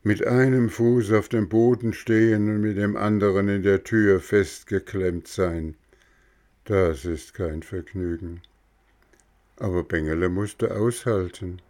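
A man reading a children's storybook aloud in a calm, measured way. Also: lowish voice. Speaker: narrator.

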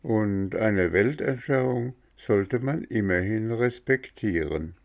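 A man doing a hoarse, calm wise dolphin. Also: fairly low pitch, takes it slowly, voice pushed up, full character voice. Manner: calm, resigned, philosophical.

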